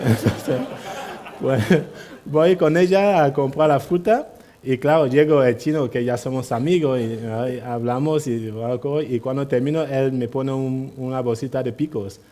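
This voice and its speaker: A man's voice: mid-range voice, unhurried, mellow. A man speaking at a party assembly, telling anecdotes in a hesitant way, with many tag questions and restarts. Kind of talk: anecdotal public speech. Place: assembly hall.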